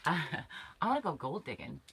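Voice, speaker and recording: Seated on a bench beside another person in a fixed camera shot, this middle-aged woman co-hosts a casual camping stream from a small insulated camper. She talks fairly quickly and very animatedly in a husky, lowish voice with a fairly bright edge, staying chatty and laughing a lot.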